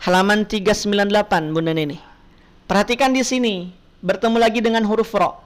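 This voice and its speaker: A woman's voice: mid-range voice, fairly quick. A woman teaching Quran recitation in an online class, patiently asking her students questions and modelling pronunciation.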